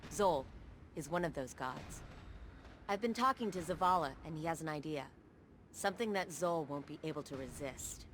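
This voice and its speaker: Ana Bray, resolute researcher. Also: female voice, low-pitched, expressive, moderate pace, a little hiss or hum. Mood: earnest. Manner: earnest, resolute. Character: determined woman Warmind researcher, defiant. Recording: game cutscene with loud score.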